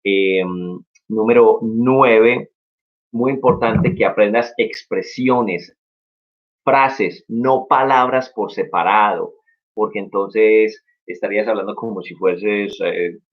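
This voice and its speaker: A man's voice: on the low side, steady tone, slow pace. A young man teaching English in a casual live stream, upbeat and encouraging as he explains step by step. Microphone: live-stream mic. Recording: dull lo-fi stream audio.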